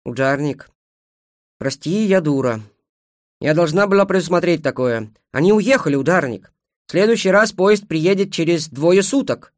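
A man voicing a fierce, hot-tempered young clan woman with a sharp, commanding manner in an audiobook. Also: on the low side, expressive, normal speed, no echo, clean studio sound, pitched above the performer's own voice, natural voice. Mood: apologetic.

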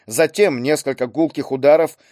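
A man's voice: on the high side, steady tone, moderate pace, a little mellow, no echo. Male audiobook narrator, dry sound.

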